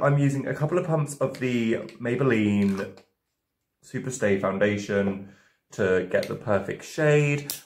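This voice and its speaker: A man in his twenties, drunk on wine, chatting casually to camera through a tutorial, rambling, doubting himself and losing his thread. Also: lowish voice. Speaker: makeup video creator. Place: indoor home studio with dark backdrop, roomy. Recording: roomy, echoing indoor sound.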